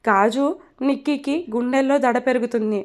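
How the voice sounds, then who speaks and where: A woman narrating a romance story in a scripted reading. She voices all the characters and tags each line with its speaker. Her voice sits high. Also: fairly even intonation, normal speed, darkish tone. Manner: reads dialogue with inline speaker tags.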